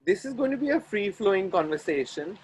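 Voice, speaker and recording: An Indian-accented man from India hosts an online group call from outdoors near the ocean, guiding listeners through clearing phrases with deliberate, chant-like repetitions. His voice sits high with big pitch swings, and the recording is low quality.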